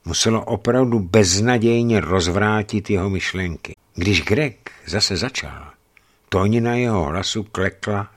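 A man narrating a literary audiobook in a measured, grave manner. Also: low-pitched, breathy edge. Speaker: audiobook reader.

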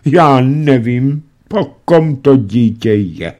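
A man's voice: medium pitch, big pitch swings, vocal fry, voice pushed up. A man voicing a fretful, lamenting aristocratic mother in a storybook reading. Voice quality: wailing, whiny. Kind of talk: audiobook reading.

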